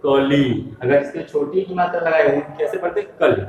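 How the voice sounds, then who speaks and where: A man teaches a primary school Hindi lesson slowly and step by step, patiently spelling out letters and posing questions he then answers himself. His voice is on the high side, steady, quick and somewhat dark, with dull audio from a distance in an echoey room.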